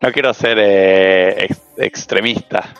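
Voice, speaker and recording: A man's voice: deep voice, fairly even intonation, takes it slowly, gravelly, a bit bright, clear, resonant tone, lo-fi sound, soft background music. A man with an Argentine accent on a casual panel, joking as he recommends a nature documentary. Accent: Argentine Spanish. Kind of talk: casual group chat.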